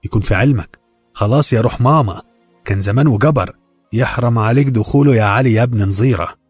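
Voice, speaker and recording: A man voicing a furious Egyptian housewife who shrieks and curses in a husky voice. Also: medium pitch, quick pace, dry recording, faint music behind, close to an everyday voice. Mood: furious shrill. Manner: shrieking, cursing, indignant. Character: shrill furious Egyptian housewife, middle-aged.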